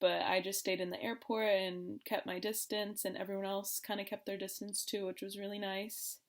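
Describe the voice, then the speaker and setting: A young woman from the United States gives a casual video diary update to her viewers. She is chatty and informal, with a medium-pitched voice. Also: flat delivery, normal speed. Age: young adult. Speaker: vlogger.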